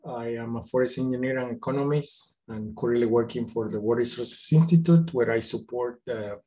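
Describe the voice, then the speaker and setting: A man in his thirties from Guatemala, a forest engineer and economist, giving a recorded talk at his desk in a measured way, with many fillers and restarts. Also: mid-range voice, a little mellow, highs cut off. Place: indoors, virtual background.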